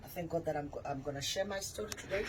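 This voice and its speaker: A woman's voice: deep voice, very fast, noisy background. Earnest woman guest in her forties. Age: 40s. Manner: earnest, candid, personal storytelling. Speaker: pastor and author, guest. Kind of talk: radio interview.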